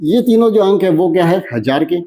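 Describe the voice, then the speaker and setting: Soft-toned maths teacher. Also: male voice, high voice, animated. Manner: asks questions and answers them himself, slows down on numbers. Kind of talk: classroom lesson explanation.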